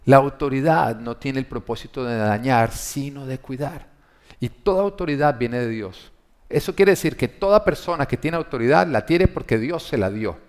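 A man's voice: medium pitch, animated, normal speed. A pastor preaching a sermon, an emphatic man who asks his congregation rhetorical questions. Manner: emphatic, swelling louder on key points.

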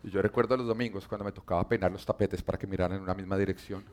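Animated, playful man preaching. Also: low voice, rapid-fire. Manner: animated, playful, addresses the audience directly. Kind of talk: sermon with humorous personal stories.

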